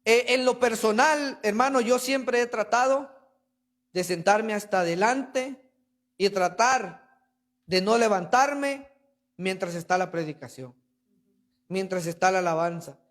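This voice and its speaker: High-voiced man preaching emphatically. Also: a little slow, a bit bright. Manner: emphatic preaching, addresses listeners as brother. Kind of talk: sermon. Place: church.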